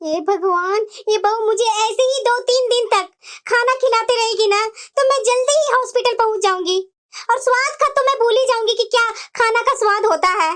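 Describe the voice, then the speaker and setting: A woman's voice: extremely high pitch, moderate pace, a bit bright. A woman voicing a fussy, scheming elderly mother-in-law in a cartoon, scolding and coaxing and calling her daughter-in-law again and again. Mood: disgusted. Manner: scolding, coaxing, repeats "bahu". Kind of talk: cartoon voice acting.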